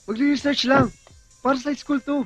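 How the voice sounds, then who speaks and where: A man's voice: very high voice, fairly even intonation, normal speed, fairly bright tone, soft background music. An actor playing an easygoing young male student who chats casually with his schoolmates in a film. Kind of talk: film drama acting.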